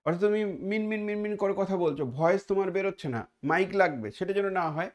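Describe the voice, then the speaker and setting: A man's voice: sits high, a little fast. A man giving a conversational exam-prep lecture as a teacher, repeating points and mixing in English terms.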